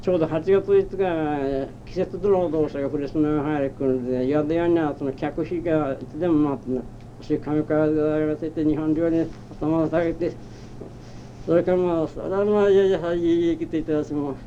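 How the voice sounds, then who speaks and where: An elderly man from Japan telling his life story as an oral history interviewee, in a rambling, halting way with old-fashioned rustic speech. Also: fairly high pitch, fairly even intonation. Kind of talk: reminiscing in a personal narrative. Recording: muffled, dull old tape with faint hiss. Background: faint background noise.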